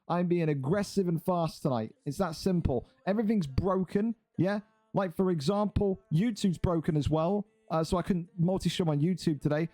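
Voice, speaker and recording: A man hosts a live stream, venting his frustration in a sweary, exasperated rant before calling the fights. His voice sits a little high for a man, yet it has a mellow, warm tone. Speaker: stream host and fight commentator. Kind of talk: casual live-stream commentary.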